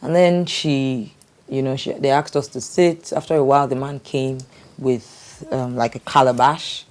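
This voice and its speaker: A middle-aged woman candidly telling her life story in conversation, halting with fillers and restarts. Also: a bass voice, fairly even intonation, a little mellow. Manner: hesitant, with frequent fillers and restarts.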